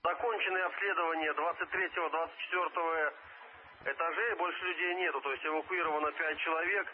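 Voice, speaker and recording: A man's voice: fairly high pitch, fairly even intonation, fast talker. A man, a firefighter crew leader, gives terse, formal reports over a two-way radio, using call signs and closing each transmission with "over". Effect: heard over a two-way radio. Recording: muffled radio transmission with faint hiss.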